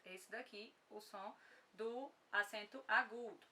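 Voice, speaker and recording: A woman's voice: mid-range voice, takes it slowly, sharp tone, recorded from a distance. A woman with a Brazilian Portuguese accent teaching an online grammar lesson, patient, often checking in with her students.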